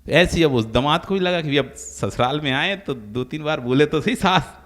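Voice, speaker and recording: Bright-voiced monk preaching in a reverberant hall. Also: male voice, a little high, expressive, normal speed. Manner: storytelling with acted-out quoted voices. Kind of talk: sermon.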